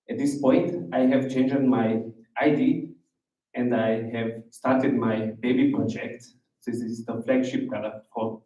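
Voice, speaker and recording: Slow, mellow man from Hungary. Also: medium pitch. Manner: halting, non-native phrasing. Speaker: startup founder pitching. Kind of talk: short pitch talk. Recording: roomy, distant, dull sound.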